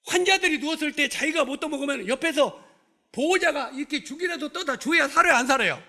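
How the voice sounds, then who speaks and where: A man's voice: very high voice, a little fast, bright, forceful tone. A male pastor preaching in a church. He keeps putting rhetorical questions to the congregation and scolds bluntly with humor. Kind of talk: sermon. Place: church sanctuary.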